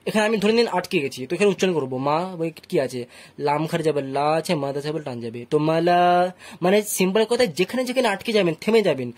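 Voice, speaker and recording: A man's voice: a little high, animated, fast talker, darkish tone. Bengali-accented male tutor, patient and methodical; spells out letters and vowel marks, checks in with students often. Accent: Bangladeshi Bengali. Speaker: Quran reading teacher. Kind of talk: slow syllable-by-syllable recitation lesson.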